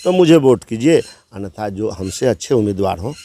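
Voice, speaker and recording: A man's voice: on the low side, animated, brisk, mellow. A man running for village council, eagerly laying out his plans in an interview at a gathering. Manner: eager, assenting, lists plans. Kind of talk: interview answers.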